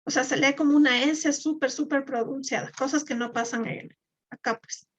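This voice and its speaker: A woman's voice: sits high, fairly even intonation, moderate pace. A woman, teaching a live online class and explaining step by step with fillers and repeated words. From Ecuador. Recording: dull lo-fi.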